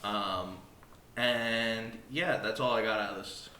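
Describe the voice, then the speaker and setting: A man's voice: fairly low pitch, slow, pushed and bright. Blunt, sarcastic podcast man. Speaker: podcast co-host. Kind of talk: casual wrestling review chat. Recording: echoey room with faint noise.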